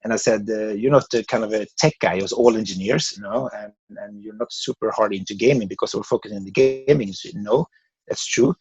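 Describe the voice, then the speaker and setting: In a casual interview chat, a Swedish man in his forties speaks fast with a Swedish accent, his low-leaning voice a little mellow with a breathy edge. He rambles as a podcast guest and restarts words often. There's no room sound, and the highs are cut off.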